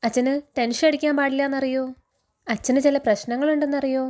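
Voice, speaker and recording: A woman reading the lines of a stern father who scolds and teases his daughters, in a steady recounting tone. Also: high-pitched, brisk, pitched above the performer's own voice, natural voice. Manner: stern, threatening.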